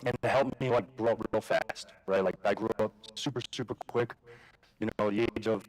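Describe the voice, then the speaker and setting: In a low-quality recording, a man with a lowish, steady voice talks fairly quickly. He's an adult from Jamaica, Queens, New York, who has a daughter, telling a personal story at a live conference in a casual manner full of fillers, restarts and swearing.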